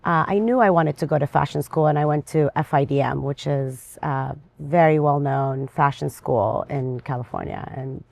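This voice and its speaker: Low-voiced energetic woman from Lebanon. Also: normal speed, vocal fry, few pauses. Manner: energetic, chatty, restless. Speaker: interview guest. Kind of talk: casual interview conversation.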